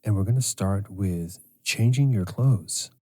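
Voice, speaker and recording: A middle-aged man hosting a podcast as a sleep coach, speaking in a slow, measured way. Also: fairly low pitch, dark tone. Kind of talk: scripted podcast monologue.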